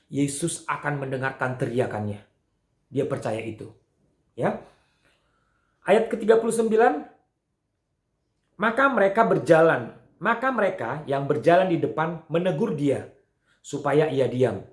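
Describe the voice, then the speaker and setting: A man teaching Sunday school, telling a Bible story to children in an animated way, with frequent fillers, acting out the characters' lines. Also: a little high, unhurried, long pauses. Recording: echoey room.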